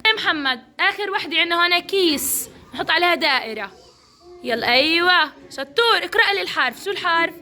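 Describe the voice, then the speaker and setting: High bright Levantine woman teacher. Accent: Levantine Arabic. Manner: encouraging, praising each child by name. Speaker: kindergarten teacher. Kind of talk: classroom instruction. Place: classroom.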